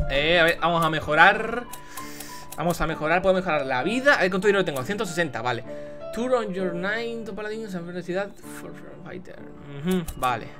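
Fast-talking excitable young Spanish man gaming. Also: high voice. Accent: Spain. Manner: excitable, shouts and swears at the game. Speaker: gaming youtuber. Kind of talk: casual let's play commentary.

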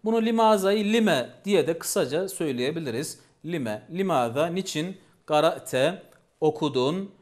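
Male teacher, patient and repetitive, voice a touch high. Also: expressive, a little slow. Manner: patient, repeats each phrase and asks questions. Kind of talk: language lesson.

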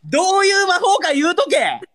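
A man's voice: very high-pitched, wildly swooping pitch, normal speed, fairly bright tone. A young man with a Kansai accent, a livestreamer bantering in mock anger and pleading with viewers for gifts. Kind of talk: live-stream battle banter.

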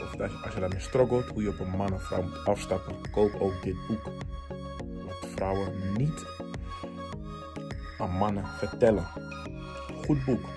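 A young man from the Netherlands casually reviewing books in a vlog, chatty and quick to laugh, dropping in English phrases. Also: fairly low pitch. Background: faint background music.

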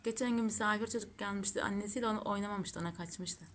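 Cooing at her cats in gushing baby talk, a woman chats casually to viewers in her home pet vlog. She speaks fast in a mid-range, fairly bright voice, with a slight hiss or hum in the audio.

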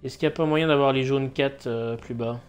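A man's voice: mid-range voice, steady tone, a little fast, faint music behind. A man giving casual live commentary as he streams a game, with noncommittal, shrugging asides. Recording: clear background noise, game ambience.

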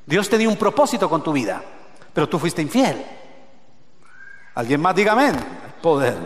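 A male pastor preaching a sermon, swinging between loud shouted peaks and low hushed asides and calling on the congregation to repeat phrases. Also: very animated, normal speed. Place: church sanctuary. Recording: echoey church hall with long reverb.

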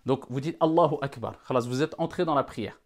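A man with a medium-pitched, brisk voice teaches religion carefully. He speaks to the audience formally and repeats key points for emphasis.

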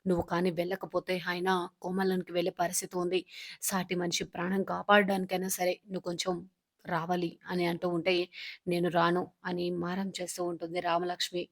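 A woman's voice: fairly low pitch, monotone, fairly quick. A woman casually retelling a drama episode, chaining events with "and then" and speaking every character's lines in her own plain voice. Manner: strings events together with "and then" phrases. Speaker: serial episode narrator.

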